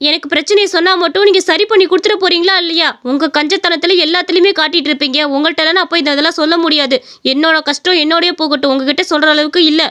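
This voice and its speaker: A woman with a Tamil accent voicing a quick-tempered young wife in a cartoon story, scolding and complaining. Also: high voice, steady tone, natural voice. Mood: sharp. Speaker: voice actor.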